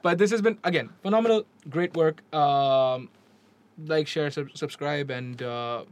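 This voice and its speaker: Speaking at a measured pace, this Pakistani-accented man hosts a relaxed podcast that blends Urdu with English. His slightly high voice has a clean tone on a dry recording, and he is informal and emphatic, often saying the same phrase again.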